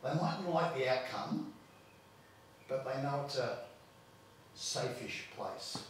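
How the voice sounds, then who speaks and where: Slow, creaky and expressive, a mid-range male voice with a little hiss or hum preaches a sermon in church. The pastor has an Australian accent and builds his points by stressing and repeating words, while the far-off mic catches heavy echo from the hall.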